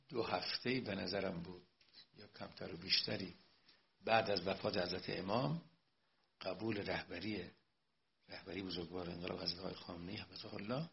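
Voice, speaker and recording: Male cleric lecturing, gravelly, soft asides then loud emphatic preaching, dull lo-fi recording. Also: sits low, slight background noise. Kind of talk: religious lecture.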